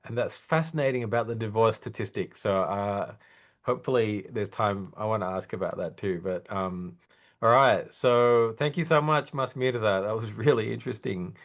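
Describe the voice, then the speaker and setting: Male session host with a gravelly voice over a dull video-call line. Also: on the low side, moderate pace. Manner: warm thanks, stumbling transitions. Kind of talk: hosting an online session. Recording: muffled video call audio.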